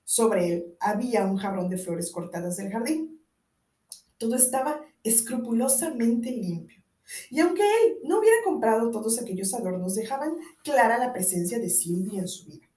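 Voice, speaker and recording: A woman narrating a romance novel in an expressive audiobook reading and voicing the dialogue herself. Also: fairly high pitch, normal speed, distant mic. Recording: roomy echo.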